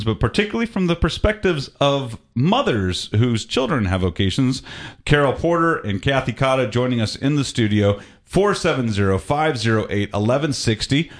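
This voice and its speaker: A man hosting a radio fundraiser, upbeat and chatty, repeating the call-in number and interviewing guests in the studio. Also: mid-range voice. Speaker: radio host.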